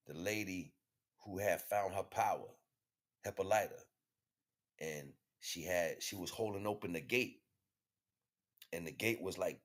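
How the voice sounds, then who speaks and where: An American man with a low-sitting voice hosts a livestream, delivering a casual spiritual monologue. His speech is slangy, profane and conversational.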